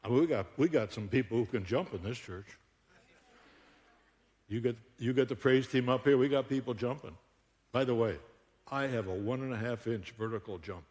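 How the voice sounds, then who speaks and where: This humorous sermon comes from an older guest speaker from Buffalo, New York, a joking, animated storyteller who laughs a lot. His middle-pitched voice, at a moderate pace with long pauses, carries through a stage microphone and rings with the reverb of a large church auditorium.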